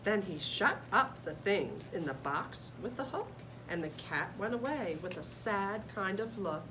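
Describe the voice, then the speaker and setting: Lively woman reader, off-mic. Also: medium pitch, unhurried. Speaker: co-reader of a children's story. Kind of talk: expressive children's read-aloud. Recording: distant microphone, clear background noise.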